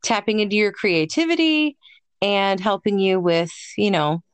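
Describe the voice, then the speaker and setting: A woman co-hosting a casual podcast chat, speaking in a gentle, encouraging and thoughtful way. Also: medium pitch, very animated, normal speed, clean tone, no room sound. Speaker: podcast co-host.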